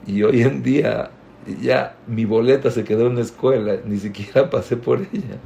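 A man teaching a religious lesson. He tells lively everyday stories to make his point. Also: medium pitch, moderate pace, gravelly, slight background noise. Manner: storytelling, lively examples with acted quotes.

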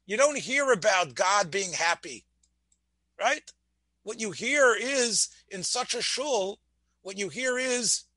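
With a high, sharp-toned voice and no room sound, a man lectures as a rabbi in a Torah class. He frequently restarts words, questions his listeners, and weaves Hebrew phrases into English.

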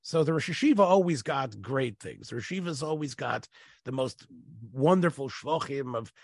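A man's voice: mid-range voice, animated, normal speed, no echo, clean studio sound. A man hosting a podcast, asking questions and telling stories casually, mixing in yeshiva Hebrew and Yiddish words. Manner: inquisitive, sprinkles in yeshiva Hebrew and Yiddish terms. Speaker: podcast host.

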